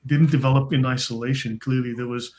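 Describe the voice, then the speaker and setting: A man's voice: medium pitch, fairly even intonation, a little fast, a little mellow. A man hosting a discussion, modestly summarizing sources and seeking agreement. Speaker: host. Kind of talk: conversational discussion.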